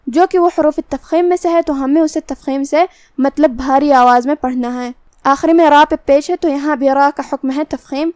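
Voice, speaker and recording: High-voiced woman teaching Quran recitation. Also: darkish tone, no echo, clean studio sound. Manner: slow, careful explanation of pronunciation rules. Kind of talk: tajweed lesson.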